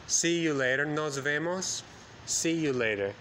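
A man in his thirties from the United States, giving a bilingual lesson into a phone held at arm's length outdoors at night, speaking slowly and repeating phrases for learners. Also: a little high, low-quality recording. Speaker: English teacher. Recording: phone video with loud wind noise outdoors. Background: loud wind and street noise.

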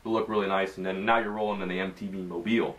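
Young male vlogger, Midwestern American accent, slightly low voice, loose and chatty, filmed at a desk in a small bedroom. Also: level tone, very fast, a bit bright, slight background noise. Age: young adult. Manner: chatty, casual, lots of fillers and slang. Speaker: fishing tackle vlogger. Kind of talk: casual unboxing vlog.

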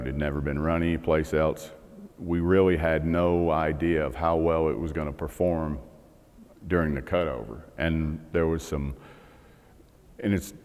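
Middle-aged male presenter, very low voice, casual delivery, long hall reverb. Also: a little mellow. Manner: conversational, many fillers and restarts. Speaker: conference speaker. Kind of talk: technical conference talk. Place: large conference hall stage.

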